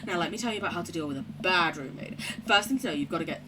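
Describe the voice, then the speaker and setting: A woman's voice: on the low side, animated, racing, over music, voice pushed down, lightly acted. A posh English mum, as a woman puts her on. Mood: prim, conspiratorial. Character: posh English mum, boozy PTA leader.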